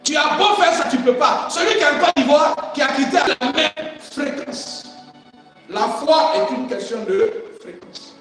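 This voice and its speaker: Fervent high-voiced preacher in an echoey hall. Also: male voice, expressive, unhurried. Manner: fervent, swings between shouting and quiet; call-and-response with congregation. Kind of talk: sermon. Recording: echoey hall from far off, music.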